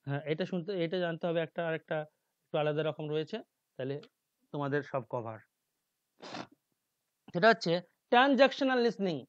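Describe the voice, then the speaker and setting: A man with a Bengali accent teaching an exam-prep lesson. He reads English answer options aloud slowly and often trails off into low asides. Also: expressive, no room sound. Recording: dull dry lo-fi recording.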